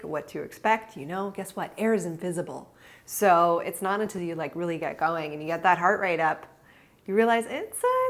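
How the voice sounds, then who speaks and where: A woman's voice: mid-range voice, fairly bright tone. A woman co-hosting a hiking vlog, talking casually and eagerly explaining what she sees. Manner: chatty and curious, explains things eagerly. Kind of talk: casual travel narration.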